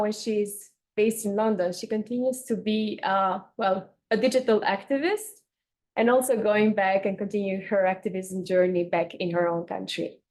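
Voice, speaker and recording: A woman moderating a panel, introducing a speaker informally in a halting way, rephrasing as she goes. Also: medium pitch, a little mellow.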